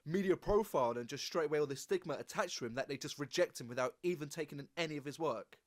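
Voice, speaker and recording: Higher-pitched man hosting a podcast. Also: fast. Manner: reflective, thinks aloud in loose phrases. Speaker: podcast host. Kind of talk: conversational interview.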